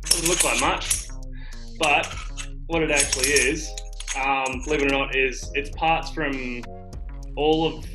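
A man's voice: mid-range voice, steady tone, measured pace, long pauses, music in the background, rough recording. A man, a bike race mechanic, explaining his tools in casual stop-start talk in an indoor workshop.

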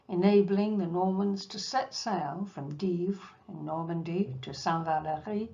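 A woman delivers a history talk at an unhurried, deliberate pace, telling the story with small asides to her listeners. Her voice sits in a middle register. The recording is dull and lo-fi. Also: medium pitch. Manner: measured storytelling with asides to the audience. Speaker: cruise ship enrichment lecturer. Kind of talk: history lecture over slides.

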